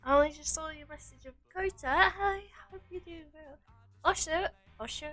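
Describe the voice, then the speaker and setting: A girlish woman livestreamer chatting casually with her viewers in a playful, bubbly, excitable way, like a gamer girl on a headset. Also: high voice, moderate pace, faint music behind. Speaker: livestreamer greeting and answering chat. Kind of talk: casual gaming livestream chat.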